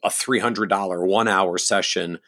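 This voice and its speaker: A man hosting an interview for financial advisors, measured and reasoning aloud. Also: sits low, fairly even intonation, bright, forceful tone. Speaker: podcast host for financial advisors. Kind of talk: interview conversation.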